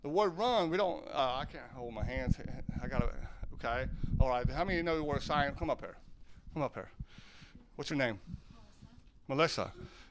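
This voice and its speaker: A man's voice: mid-range voice, expressive, a little fast, background noise. A man from southern Ohio who teaches sign language, giving a loose, self-correcting talk and questioning his audience.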